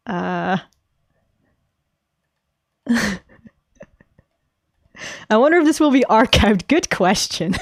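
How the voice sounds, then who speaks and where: A woman's voice: mid-range voice, darkish tone, no room sound, clean studio sound. A young adult woman streaming casual chat, rambling, giggling often and swearing freely. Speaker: VTuber streamer.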